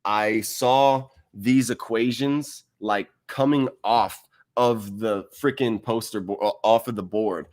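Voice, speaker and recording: Low-pitched, steady, and darkish in tone, this man takes things slowly as he hosts a casual livestream at home. Seated close to a desk mic in a wide room, he rambles laid-back through viewer comments and laughs often.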